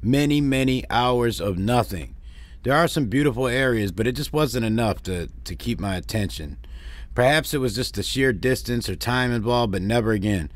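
A man's voice: medium pitch, moderate pace, no echo. Dry-voiced man from Detroit narrating. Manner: dry, plainspoken, wry complaints. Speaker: vlog host, road-trip narrator. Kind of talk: narrated travel recap.

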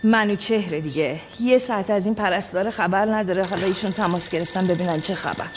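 A woman's voice: mid-range voice, background noise, close to an everyday voice. An actress playing an anxious mother desperate to see her lost son, speaking fretfully in a TV drama scene. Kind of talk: TV drama dialogue. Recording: drama score under the dialogue.

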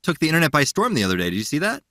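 A podcast host with a bright, forward voice and a lot of swing in his pitch. He chats casually, reads posts aloud and slips into goofy voices. The sound is dry and close. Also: huge pitch swings, very fast, dry recording. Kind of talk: casual chat.

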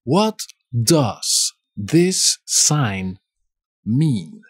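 A man with a Castilian Spanish accent teaching a language lesson, repeating each phrase slowly and explaining grammar in asides. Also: mid-range voice, big pitch swings, husky, dry recording, clean studio sound. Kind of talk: slow bilingual phrase lesson.

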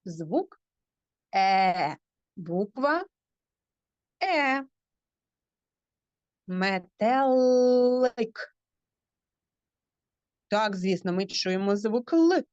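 A woman's voice: mid-range voice, very animated, very slow, long pauses, no echo, dull audio. A woman teaching a phonics lesson to small children over a video call, stretching out words and asking the class questions.

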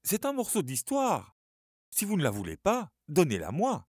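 A man's voice: wildly swooping pitch, moderate pace, a little mellow, husky, no echo, clean studio sound, full character voice. A man doing jumpy young Charlie. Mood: eager. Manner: high-strung, rising voice.

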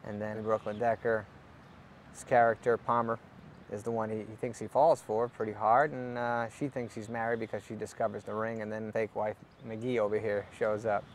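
A man's voice: lowish voice, little pitch movement, moderate pace, a little hiss or hum. A man being interviewed about a film, summing up the plot in a wry, joking way. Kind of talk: casual press interview.

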